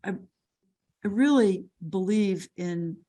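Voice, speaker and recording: With a mellow, mid-range voice and drawn-out words, an older woman who lectures takes a question over a video call. She is thoughtful, frequently restarting and repeating herself.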